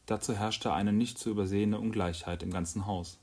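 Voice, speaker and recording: Male audiobook narrator, low voice, calm first-person reading. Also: a little fast.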